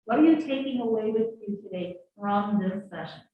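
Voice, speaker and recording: Speaking at a normal speed in a mid-range voice, a woman instructor coaxes responses from her classroom audience during a live leadership workshop, keeping things lively. Slight background noise is present, the space is echoey, and the mic is distant and muffled.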